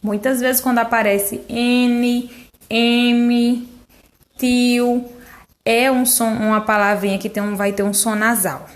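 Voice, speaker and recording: A woman's voice: fairly high pitch, steady tone. A woman teacher, patiently explaining a workbook to young children and stretching out syllables to model the sounds. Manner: drawn-out syllables to model sounds, affectionate diminutives.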